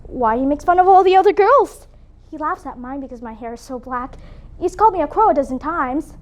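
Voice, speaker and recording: A woman's voice: high-pitched, animated, a little fast. A woman playing a sweet, chatty young girl in a competitive interpretation piece, gossiping with a friend. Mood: gossipy.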